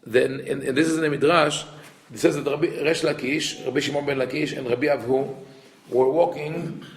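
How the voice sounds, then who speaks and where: A rabbi teaches in a relaxed, conversational way, often restarting his sentences as he explains old texts. His voice is a man's voice, middle in pitch. The room around him is echoey. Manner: conversational, restarts often, reads Hebrew quotes quickly then translates. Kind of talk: informal Torah lesson.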